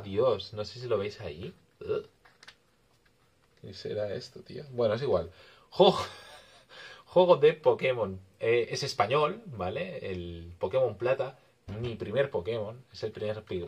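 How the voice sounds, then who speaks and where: A man with an accent from Spain, chatting excitably and swearing casually as he shows off his video game finds. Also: fairly low pitch, breathy edge. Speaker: video game collector vlogger. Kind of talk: casual vlog chat.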